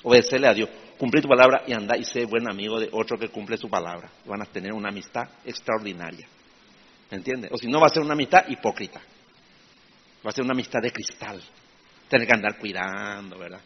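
A male pastor preaching a sermon. He swings from loud, emphatic bursts to low, confiding asides and often checks that his listeners follow. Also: fast, breathy edge. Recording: dull lo-fi audio with long hall reverb.

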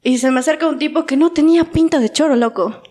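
A woman's voice: high voice, fast talker, dark tone. A young woman, co-hosting a podcast and telling a story in casual chat full of slang. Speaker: podcast co-host.

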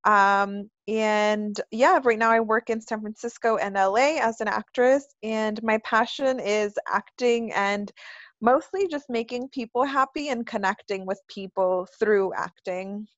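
A woman's voice: mid-range voice, measured pace, a bit bright, no echo. Chatty woman in her twenties, dull dry sound. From California. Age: 20s. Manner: chatty and earnest, long flowing answers. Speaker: guest actress. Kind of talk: casual interview answers.

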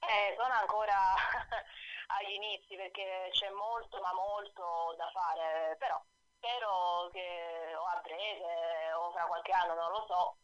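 A woman speaks over the phone in a lowish, unhurried voice, often hesitating with fillers and soft laughs. The line is dull and dry, with no room sound around her. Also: fairly even intonation, no echo. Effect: voice heard over the phone. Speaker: author guest on a radio show. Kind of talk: phone-in radio interview. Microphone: telephone.

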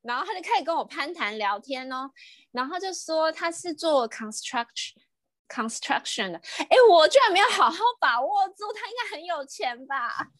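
A young woman from Taiwan with a Taiwanese Mandarin accent, co-hosting a podcast and telling a story in a casual, animated way, laughing often and dropping in English words. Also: sits high, moderate pace, no echo, studio quality. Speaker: podcast co-host.

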